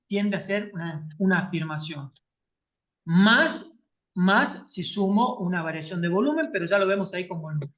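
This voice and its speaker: A woman leads an online workshop, speaking at a middle pitch. She explains step by step and often stops to ask whether her students follow. Her voice comes through a dull, lo-fi video call line. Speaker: workshop teacher. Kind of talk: online class lecture.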